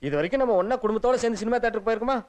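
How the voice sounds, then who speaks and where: A man's voice: very high voice, very fast. An actor playing a hot-tempered village man in a film drama, pleading and then defiant. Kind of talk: film dialogue. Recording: film soundtrack with music behind.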